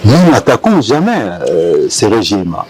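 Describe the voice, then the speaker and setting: A man speaking as a rebel group spokesperson in a press interview, halting with many hesitations. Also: on the low side, huge pitch swings, darkish tone, a little hiss or hum, rough recording.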